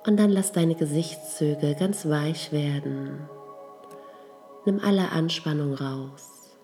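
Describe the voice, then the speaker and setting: Low, mellow female meditation guide, soft and slow delivery. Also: faint music behind. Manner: slow, soft, calm instructions.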